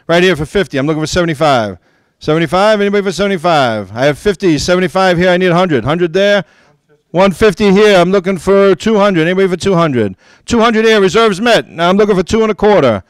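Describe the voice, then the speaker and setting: A man with a high, smooth and resonant voice runs a live auction at a convention. He calls out bids rapidly, coaxing the room to raise the price. The sound is dry and close. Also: lively intonation, no room sound. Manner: upbeat, coaxing, rapid-fire bid calls. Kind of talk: live auction bid calling. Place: gaming convention event.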